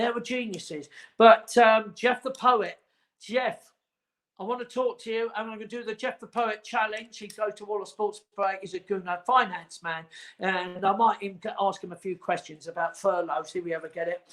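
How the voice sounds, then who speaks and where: A man in his forties with a high, fairly bright voice hosts a casual livestream chat from home. He rambles and teases as he goes.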